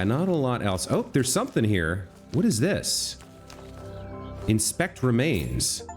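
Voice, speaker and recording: A man's voice: lowish voice, a little mellow. A man giving casual let's play commentary, musing and thinking aloud as he goes. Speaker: gamer commentator.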